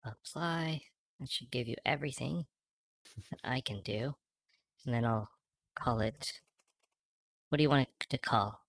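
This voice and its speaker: A man whose voice runs through a pitch-shifting voice changer that turns it into a high, chipmunk-like voice, chatting casually as a streamer co-host. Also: measured pace, vocal fry, long pauses, a bit bright, dry recording. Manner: chatty, thanks viewers, giggly. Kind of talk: casual chat while playing a game.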